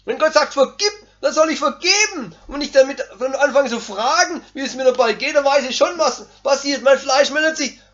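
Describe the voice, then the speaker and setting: A man preaching a sermon, talking emphatically and building to forceful exclamations. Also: very high voice, brisk, hardly any pauses. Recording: dull lo-fi recording.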